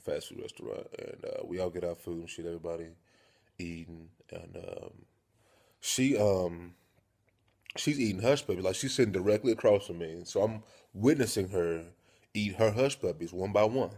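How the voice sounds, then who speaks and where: A man's voice: sits low, animated, moderate pace, vocal fry, darkish tone. A young man vlogging, casually telling stories with lots of profanity, acting out scenes with stammering and a raised voice. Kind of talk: casual storytelling to camera.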